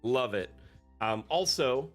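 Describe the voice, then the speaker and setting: A man hosting a livestream as community manager, chatting casually and rambling with many fillers, often trailing off quietly at the ends of phrases. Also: medium pitch, lively intonation, slow, faint music behind.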